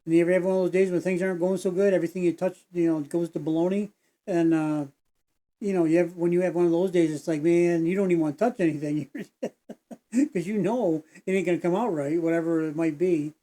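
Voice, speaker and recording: Fast and steady, with a warm, fairly high voice, the American host rambles casually through his reaction video. He meanders into tangents and back in a folksy manner, leaning heavily on fillers.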